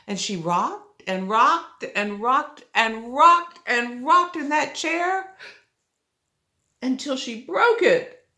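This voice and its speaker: Slow-talking sweet old lady telling a story. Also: high voice, expressive. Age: older. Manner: sweet old lady, gently coaxing with questions to the listener. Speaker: grandmother storyteller. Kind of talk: storytelling to a small child. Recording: roomy, echoey home recording.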